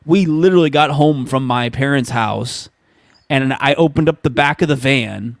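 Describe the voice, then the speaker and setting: A man's voice: mid-range voice, normal speed, no echo, studio quality. A man in his thirties co-hosting a casual podcast, telling stories with acted-out quotes and frequent laughs. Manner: animated storyteller, acts out quotes, laughs often. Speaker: podcast co-host. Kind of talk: casual chat.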